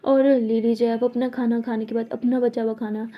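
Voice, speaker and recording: A woman storyteller narrating a story in a soft, conversational way. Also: on the high side, level tone, moderate pace, lo-fi sound.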